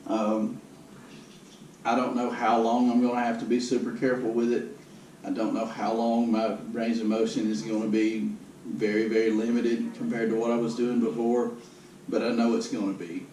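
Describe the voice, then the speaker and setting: A man's voice: mid-range voice, level tone, moderate pace, a little mellow. A man giving a casual video update in a downbeat, resigned, matter-of-fact way. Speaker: vlogger giving a personal health update. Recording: roomy, noisy, distant camera microphone.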